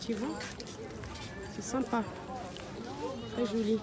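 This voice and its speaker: North african arabic accented lady doing a casual market vlog, chatty, highish voice, outdoors. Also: steady tone, takes it slowly, a loud crowd. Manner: chatty, switching between French and Maghrebi Arabic. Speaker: vlogger showing market clothing stalls. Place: outdoor seaside street market.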